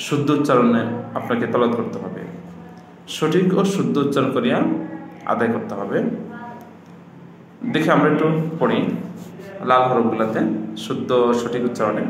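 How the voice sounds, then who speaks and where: A man teaching a step-by-step lesson on reading Arabic letters, patiently naming each letter slowly and repeating it. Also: mid-range voice. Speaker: Quran reading instructor. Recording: very echoey room with noise.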